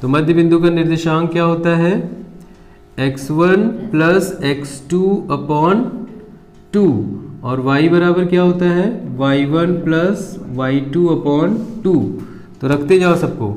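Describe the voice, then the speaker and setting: A man teaching a school maths lesson, working through a problem one step at a time. His voice sits a little high for a man. The room around him is echoey. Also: takes it slowly, darkish tone, soft background music. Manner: talks students through each step, checking with them. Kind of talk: board-exam maths lesson.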